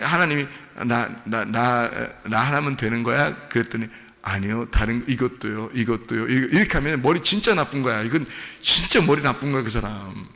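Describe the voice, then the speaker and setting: A man's voice: mid-range voice, sharp tone, long reverb tail. A man preaching a sermon as pastor in a conversational way, acting out little dialogues with God. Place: church sanctuary.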